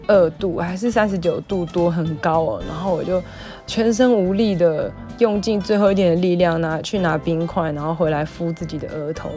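A young woman, a psychologist hosting her own show and chatting through a personal story with lots of fillers. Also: on the low side. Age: young adult. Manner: chatty, animated retelling with many fillers. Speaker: podcast host, psychologist. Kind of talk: casual storytelling monologue.

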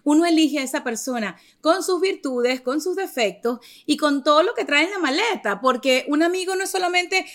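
A playful woman in her forties hosts her podcast in a high, bright voice, teasing her guest and breaking into laughter. Her talk is casual and lively. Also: moderate pace, hardly any pauses. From Venezuela. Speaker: podcast host. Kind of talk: casual chat.

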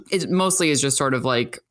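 A woman's voice: lowish voice, animated, measured pace, a bit bright, slightly rough. A woman co-hosting a casual chat show, explaining astrology in a loose, rambling way full of "like" and "sort of". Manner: chatty, hedging with many "like"s and "sort of"s. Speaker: astrologer co-host.

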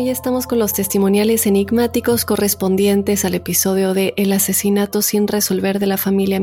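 A woman hosting a podcast, welcoming listeners and reading their letters aloud in a calm, steady storytelling manner. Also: medium pitch. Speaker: podcast host.

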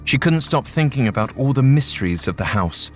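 A man narrating a ghost story in a measured, suspenseful storytelling manner. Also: medium pitch, very animated. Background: faint music.

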